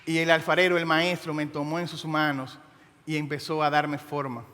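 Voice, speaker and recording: High-voiced impassioned preacher man in a hall. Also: little pitch movement, pushed and bright, soft background music. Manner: impassioned, dramatic storytelling with slow emphatic phrases. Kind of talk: sermon.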